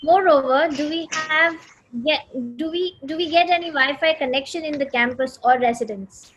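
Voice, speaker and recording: A woman's voice: high voice, moderate pace, a bit bright, lo-fi sound. A woman moderating a live orientation webinar, politely reading out viewers' questions.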